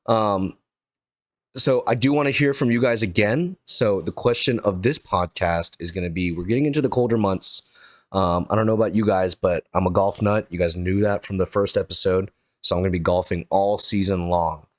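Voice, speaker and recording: A man with a very low voice hosts a golf podcast. He chats casually and upbeat, with plenty of fillers. The sound is dry and close. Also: normal speed, dry recording. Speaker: podcast host.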